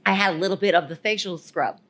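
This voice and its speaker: A woman's voice: lowish voice, fast talker, a bit bright. A woman co-hosting a podcast, telling a rambling story in a casual, giggly way. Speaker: podcast co-host.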